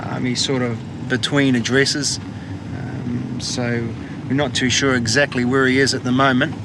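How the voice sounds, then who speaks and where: A man with a New Zealand accent talks as a police officer on the job, matter-of-fact and casual. He is outdoors, with clear street noise around a mid-pitched voice. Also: little pitch movement, unhurried. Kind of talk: casual on-the-job explaining and enquiries. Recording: noisy outdoor street sound.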